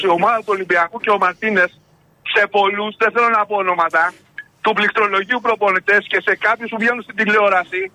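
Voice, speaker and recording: A man's voice: high voice, sharp tone, no echo, rough recording. A male radio show host with a Greek accent in a heated sports debate, emphatic and argumentative, often cutting in. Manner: argumentative, emphatic, keeps interrupting.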